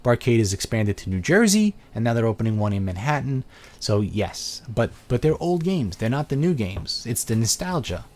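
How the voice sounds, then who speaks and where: In a medium-pitched, sing-song voice that's a little mellow, a middle-aged man from Brooklyn with a New York accent chats casually on webcam as host of a live video chat, taking viewer questions at a moderate pace. He rambles, talking through his thoughts with fillers.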